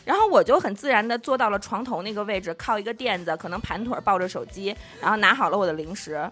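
A woman co-hosting a podcast, telling stories in casual chat, animated and laughing often as she acts out quotes. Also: medium pitch, fast talker, soft background music. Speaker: podcast co-host.

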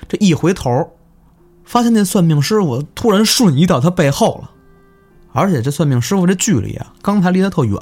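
A man telling village ghost stories in casual chat, animated and swearing in surprise. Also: a little high, husky. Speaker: guest storyteller. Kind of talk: casual spooky storytelling.

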